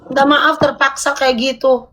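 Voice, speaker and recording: A woman's voice: high-pitched, flat delivery, normal speed, very noisy. A woman arguing on a live stream, insistent and repeating her demands over and over. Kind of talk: heated live-stream argument.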